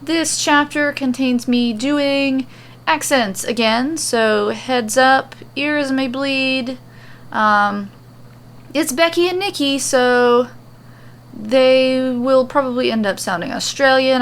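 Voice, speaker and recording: Speaking slowly in a high voice, a woman hosts her own podcast and reads aloud the homemade fantasy fiction she wrote.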